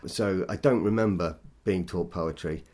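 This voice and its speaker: A man, a poet, talking thoughtfully and self-deprecatingly in an interview, in a halting way. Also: low voice, darkish tone. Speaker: poet guest. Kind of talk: interview conversation.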